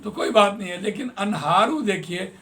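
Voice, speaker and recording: A man teaching Quran translation in a classroom lesson, patiently explaining grammar and repeating words slowly. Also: sits high, sharp tone.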